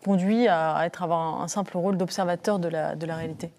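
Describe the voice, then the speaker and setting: A woman's voice: lowish voice, steady tone, quick pace, a little mellow. A woman hosting a panel discussion, asking long questions with frequent hesitations. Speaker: host.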